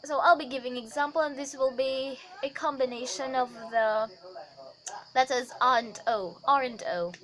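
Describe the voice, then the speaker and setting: A woman's voice: sits high, moderate pace, fairly bright tone, low-quality recording. A young woman giving a casual vlog lesson on pronunciation, chatty, with many fillers and self-corrections. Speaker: accent tutor.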